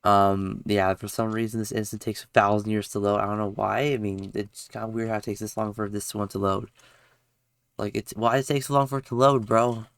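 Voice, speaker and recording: A man's voice: lowish voice, little pitch movement, a little fast, clear, resonant tone, no room sound. A young man playing a story game, reading its text aloud and breaking off into rambling, self-correcting commentary. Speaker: game streamer.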